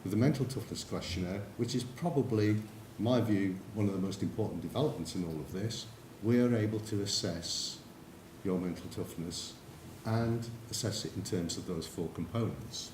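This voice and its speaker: An English man delivers a presentation in a lecture hall, turning to the audience with questions and stories. His voice sits a little low, and the room rings with echo under a faint hiss. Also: normal speed. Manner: anecdotal, addresses the audience directly. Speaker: conference speaker.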